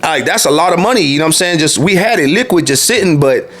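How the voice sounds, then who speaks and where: Guy in his late 20s, slightly high voice, rambling and swearing through his story, lots of you feel me. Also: lively intonation, fast, fairly bright tone. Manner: loose and profane, peppered with "you feel me". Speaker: former truck driver and host. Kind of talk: casual storytelling monologue.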